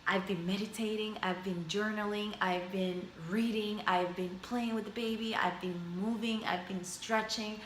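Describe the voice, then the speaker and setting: Recorded on a camera mic at home, this thirtysomething vlogger, a native Spanish speaker from a Spanish-speaking background, muses to camera in a personal journal, wandering through lists and repeating phrases. Her mid-range voice has fairly even intonation, a moderate pace and few pauses, and the poor audio is roomy with a little hiss or hum.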